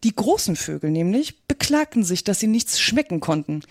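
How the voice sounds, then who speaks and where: A woman's voice: medium pitch, big pitch swings, moderate pace, no echo, studio quality. Woman reading a storybook aloud. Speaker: audiobook narrator. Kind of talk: storybook narration.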